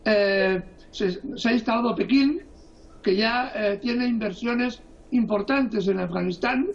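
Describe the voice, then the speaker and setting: High gravelly voiced guy analyzing politics, lots of ehs, muffled sound. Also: unhurried. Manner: hesitant, many "eh" fillers. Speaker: guest analyst. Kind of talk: political commentary.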